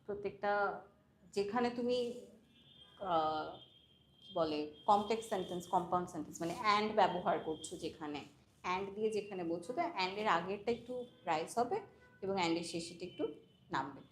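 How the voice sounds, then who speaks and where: A woman with a Bangladeshi accent teaching spoken English, patiently correcting students and slowly modelling phrases. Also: fairly low pitch, reverberant, a little hiss or hum. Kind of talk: language coaching in class.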